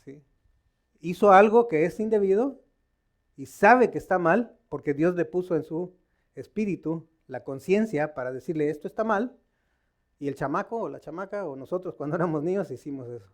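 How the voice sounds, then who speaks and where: Higher-voiced man preaching casually. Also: normal speed. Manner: conversational, quizzing the audience with questions; stops to search for words, with many fillers and restarts. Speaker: lay preacher at a Bible study. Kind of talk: informal sermon.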